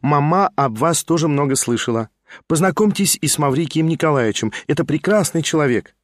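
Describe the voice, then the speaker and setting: A male reader voicing an impulsive, lively young woman in an audiobook, talking in excited, emotional bursts. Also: fairly high pitch, dry recording, studio quality, voice pushed up, lightly acted. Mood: eager. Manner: excited, rushing, emotional exclamations. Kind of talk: audiobook character voice.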